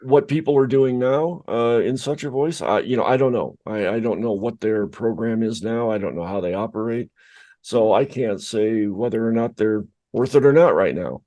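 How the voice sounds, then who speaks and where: Middle-aged guy on a podcast, lowish voice, rambly and self-mocking. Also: moderate pace, dark tone. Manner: rambling, self-deprecating storytelling. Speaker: podcast co-host. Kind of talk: casual podcast chat.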